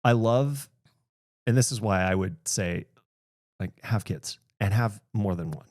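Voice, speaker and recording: A man's voice: fairly low pitch, unhurried, a little mellow, dry recording, clean studio sound. A man in his thirties, a podcast host talking candidly in casual conversation and laughing often.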